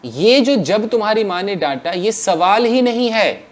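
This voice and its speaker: A man teaching English grammar to a class, asking questions and answering them himself in an animated way. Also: sits high, measured pace.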